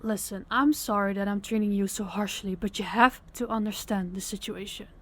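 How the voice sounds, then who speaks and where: A woman performs a guarded, stern woman in an audio roleplay. She talks directly to the listener in a measured, firm way, with an apologetic, pleading undertone. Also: medium pitch, steady tone, a bit bright, lightly acted.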